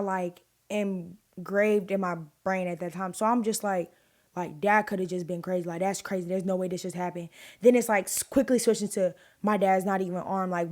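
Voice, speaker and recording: A young woman, telling a story casually on her vlog, full of fillers and acting out the voices in her story. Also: medium pitch. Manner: animated, many fillers, acts out quotes in a raised voice. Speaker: vlogger.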